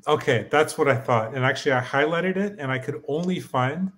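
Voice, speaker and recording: A man's voice: mid-range voice, a little fast, fairly bright tone. A man learning a language in a casual lesson, hesitantly trying out sentences and asking questions.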